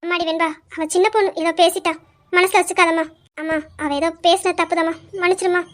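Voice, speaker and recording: A fussing middle-aged aunt, played by a woman tries to smooth over a quarrel in an amateur story drama. The voice is very high and coaxing, with an anxious edge. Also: little pitch movement, quick pace, fairly bright tone. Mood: soothing.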